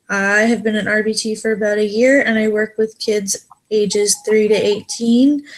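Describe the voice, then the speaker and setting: Young woman speaking flatly. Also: medium pitch, rough recording. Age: 20s. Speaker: student presenter. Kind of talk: self-introduction.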